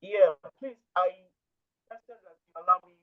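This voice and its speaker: A woman presenter speaks softly over a failing online connection, her words breaking up and fading in and out. The call audio is dull and lo-fi, and her voice sounds distant from the mic. The sound is dry, with no room echo. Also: fairly low pitch, moderate pace. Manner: soft-spoken, hard to make out. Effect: voice breaking up and fading in and out over a bad connection. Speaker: webinar presenter. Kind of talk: remote webinar talk. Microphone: video call.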